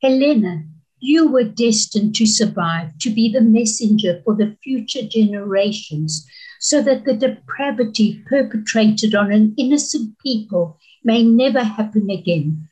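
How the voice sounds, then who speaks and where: A woman voicing an elderly male rabbi who speaks slowly and gravely as she reads aloud from her book. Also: on the high side, animated, a little mellow, low-quality recording. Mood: solemn. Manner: slow, grave reading.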